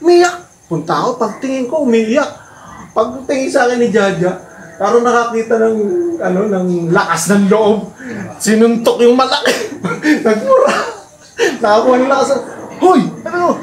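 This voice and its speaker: A man's voice: very high voice, moderate pace, reverberant. A man recounts childhood stories in a casual family chat. He laughs often as he talks. A noisy room hums behind him. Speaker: storyteller.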